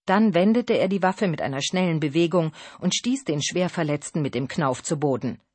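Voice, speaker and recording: Audiobook narrator, even storytelling, mid pitch, dry close studio mic. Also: normal speed, slightly rough, no echo.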